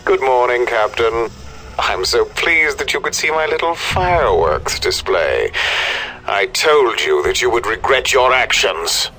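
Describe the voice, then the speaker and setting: An actor playing a smug, vengeful enemy commander in a video game, taunting with mock politeness and grand theatrical flair. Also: male voice, medium pitch, expressive, unhurried, pushed and bright, rough recording. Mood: smug gloating. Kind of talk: video game villain dialogue. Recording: faint music behind the voice.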